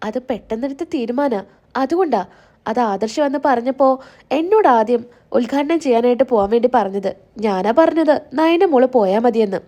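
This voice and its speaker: A woman's voice: a little high, animated, normal speed, mellow. A woman voicing a firm matriarch who settles family business decisively. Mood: defensive. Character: firm older matriarch favoring one daughter-in-law.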